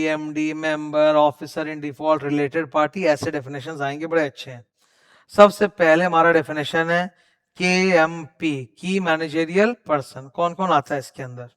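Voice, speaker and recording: A young man giving a law exam revision lecture, mixing casual explanation with slow, deliberate reading of legal definitions. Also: a little high, a bit bright. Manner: explains in Hindi, reads legal definitions slowly in English. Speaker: law teacher.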